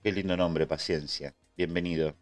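Faint music plays behind this low-pitched, steady man as he speaks at a moderate pace. He's hosting a relaxed live trading stream in Argentine Spanish-accented speech, responding to chat and thanking subscribers along the way.

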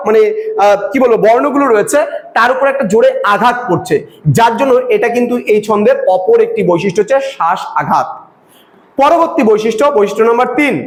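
A man with a very high voice gives a literature lesson. He explains step by step and keeps checking that his students follow. The room around him is echoey. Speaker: teacher. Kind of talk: Bengali literature lecture.

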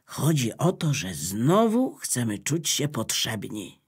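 A woman voicing a calm, gentle male electricity spirit in a children's story. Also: very deep voice, takes it slowly, slightly rough, pitched below the performer's own voice, exaggerated voice. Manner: gentle and soothing.

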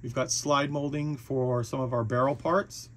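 A man in a relaxed, chatty walkthrough. His voice sits at an ordinary middle pitch, and he talks casually, with plenty of fillers and restarts as he goes. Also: normal speed. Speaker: hobby shop owner reviewing a model kit.

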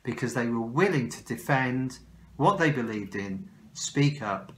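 A man's voice: mid-range voice, expressive, a bit bright, slight background noise. An older man with a Welsh English accent preaching a sermon recorded at home, speaking earnestly and often restarting his words, close to a phone or webcam in a small room. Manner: slow, earnest, with frequent restarts. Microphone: phone or webcam close in front.

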